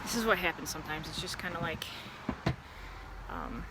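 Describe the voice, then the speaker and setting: A woman chatting casually to camera in a rambling, easily distracted way, outdoors beside a loud street. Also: low voice, very animated, normal speed. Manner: easily distracted, drifting between asides. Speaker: vlogger. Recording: outdoor traffic and ambient noise. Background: passing vehicles and outdoor ambience.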